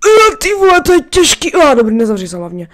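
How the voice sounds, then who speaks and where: A woman's voice: high voice, big pitch swings. A woman voicing a bumbling, crude male handyman in a comedic fan dub, swearing and bickering.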